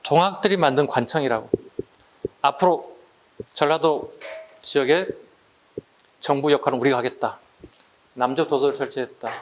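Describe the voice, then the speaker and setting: A man's voice: medium pitch, normal speed, long pauses. A man teaching an exam-prep history lecture, chatty and full of rhetorical questions to his students.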